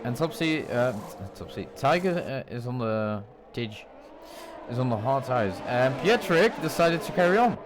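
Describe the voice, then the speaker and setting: A man's voice: mid-range voice, sing-song, moderate pace, noisy background. A man giving conversational live motorsport commentary on a sim race, often hesitating as he thinks aloud.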